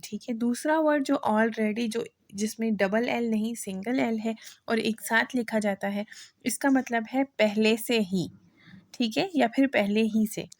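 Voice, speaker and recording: A woman teaches English vocabulary in a slightly high voice, taking her time over every word. She reads example sentences out even more slowly and keeps checking that her listeners follow. The recording is dry and close, with no room sound. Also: no room sound. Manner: repeats "theek hai" to check understanding.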